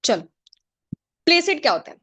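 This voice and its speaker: Hindi-teacher woman, higher voice. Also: sing-song, brisk, a bit bright. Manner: mixes Hindi and English, asks the class questions then answers them. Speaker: English vocabulary teacher. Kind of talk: online exam-prep lesson.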